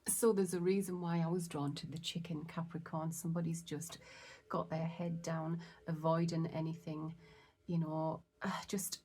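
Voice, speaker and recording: A woman giving a casual tarot reading, chatty and excitable, often dropping into soft whispers. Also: low-pitched, moderate pace. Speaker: tarot reader.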